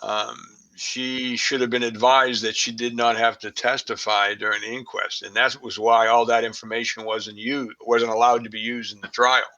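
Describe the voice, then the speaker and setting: A man with a Boston accent, talking as a guest expert in a casual discussion, pausing often with fillers and restarts. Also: mid-range voice, level tone, pushed and bright, dull audio. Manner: halting, many fillers and restarts.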